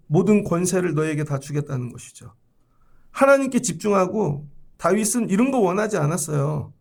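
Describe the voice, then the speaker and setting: A middle-aged male pastor preaching with a fairly high voice and a rough, gravelly edge. He talks to the congregation like a conversation and acts out God's words in plain casual speech. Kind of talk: sermon at a Friday prayer service.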